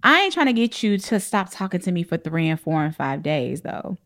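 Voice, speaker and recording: A woman co-hosting a relationship podcast, with a low, gravelly voice. She talks in an easygoing, rambling way, full of likes and restarts. Her speech. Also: sing-song, fairly quick, a bit bright. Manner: loose and conversational, many fillers and restarts. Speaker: podcast co-host. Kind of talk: casual relationship talk.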